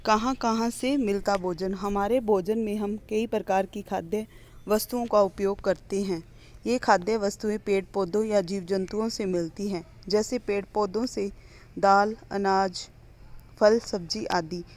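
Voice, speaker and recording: A woman teacher, reading a primary school lesson aloud slowly and clearly, pausing between the items of each list. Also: medium pitch, fairly even intonation, a little mellow. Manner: slow, clear classroom reading with list-like pauses.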